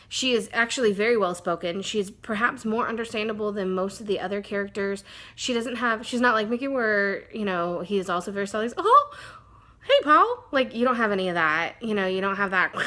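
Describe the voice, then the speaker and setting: Bright, chatty woman vlogger. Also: medium pitch. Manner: chatty, rambling, sidetracked. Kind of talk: casual chat to camera.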